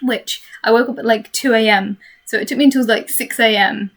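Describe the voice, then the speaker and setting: A woman's voice: fairly high pitch, fairly even intonation, a little fast. A woman chatting candidly and hesitantly, thinking aloud in a casual, rambling vlog recorded on a webcam in her bedroom. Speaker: vlogger. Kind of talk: casual, rambling first-take video chat. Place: bedroom corner at home. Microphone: webcam microphone. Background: computer fan noise.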